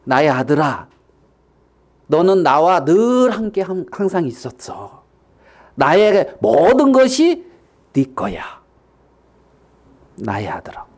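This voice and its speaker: A man voicing a loving elderly father who gently pleads with his son, in a slow, soft whispered role-play. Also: on the high side, sing-song, exaggerated voice. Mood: tender. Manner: soft, tender, slow, hushed.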